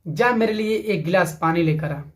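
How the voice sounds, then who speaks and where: A man voicing a loving, worried mother in a spoken story, gentle and pleading. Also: sits high, normal speed, voice pushed down, natural voice.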